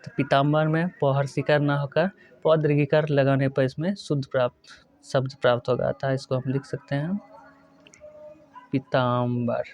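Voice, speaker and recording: A male teacher giving a spelling lesson, working through words one by one and repeating each correct form slowly. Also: mid-range voice, flat delivery, a little mellow. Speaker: Hindi grammar teacher. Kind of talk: exam-prep lesson.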